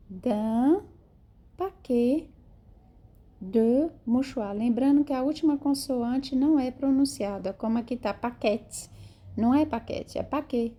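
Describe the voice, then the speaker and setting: A woman teaching French pronunciation, repeating each model word slowly and carefully. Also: fairly high pitch, warm tone. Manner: slow, drawn-out model words, repeats each phrase. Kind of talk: pronunciation lesson.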